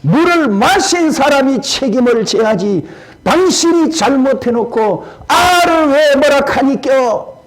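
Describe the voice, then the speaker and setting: Grumbling Gyeongsang mother, scolding, high voice, played by a man. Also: lively intonation, takes it slowly, full character voice, low-quality recording. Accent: Gyeongsang dialect. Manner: complaining, scolding. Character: grumbling middle-aged mother, Gyeongsang dialect.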